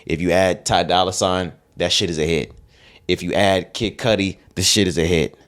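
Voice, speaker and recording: A young man with a low, deep voice co-hosts a casual podcast. He jokes and laughs easily and talks with animated energy. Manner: animated, joking, quick to laugh. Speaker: podcast co-host.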